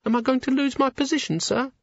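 A timid young maid, as a male reader puts her on, her voice pitched far above his own and full of stammers and humble "sir"s. The sound is dull and dry, close to the mic. She speaks in plain servant's phrasing. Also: quick pace, creaky, no echo, exaggerated voice. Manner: stammering, deferential, lower-class speech.

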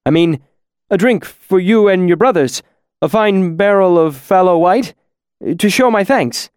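A man's voice: high voice, very animated, moderate pace, darkish tone, no echo, clean studio sound, voice pushed up. A man voicing a bald, nervous male tavern owner who stammers, pleads and hurries his words in a storybook reading. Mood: nervous pleading.

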